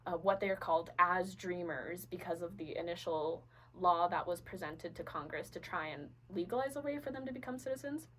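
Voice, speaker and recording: A woman's voice: on the low side, a little fast, hardly any pauses, fairly bright tone, a little hiss or hum, poor audio. A young adult woman from Venezuela, a podcast guest, telling her personal story earnestly with many fillers and restarts.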